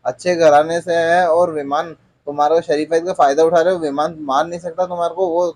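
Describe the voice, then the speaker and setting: A worried, outspoken young heroine from a TV drama recap, voiced by a man. The lines come out urgent but almost monotone. The voice sits somewhat high. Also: brisk, close to an everyday voice.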